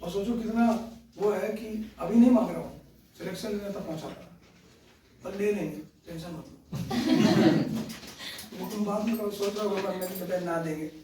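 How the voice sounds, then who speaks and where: A man's voice: sits high, fairly quick, background noise. A man teaching a history class, chatty and joking, drifting into stories. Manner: chatty, joking, digressive storytelling. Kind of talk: classroom lecture. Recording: echoey classroom from far off.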